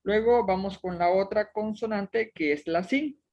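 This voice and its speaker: A woman's voice: mid-range voice, measured pace, lo-fi sound. A woman teaching a Hebrew reading lesson, methodically sounding out each syllable step by step.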